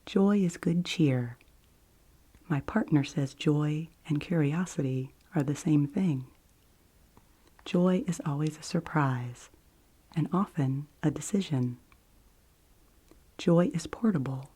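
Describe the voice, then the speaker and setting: Slow, soft library whisper from a woman. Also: sits low, husky. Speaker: ASMR host. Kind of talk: whispered ASMR book review and reading.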